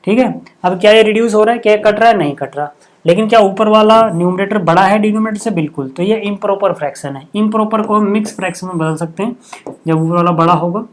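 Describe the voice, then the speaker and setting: A man teaching a maths lesson, working through sums step by step in a casual way and often checking whether it is clear. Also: high-pitched, quick pace. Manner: casual, mixes English number words into Hindi.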